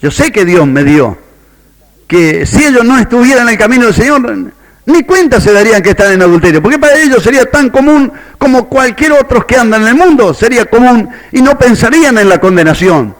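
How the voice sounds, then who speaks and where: A man's voice: very high-pitched, expressive, fairly quick. A man with a Rioplatense Spanish accent preaching a sermon as a pastor, telling a story and quoting its characters. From Argentina.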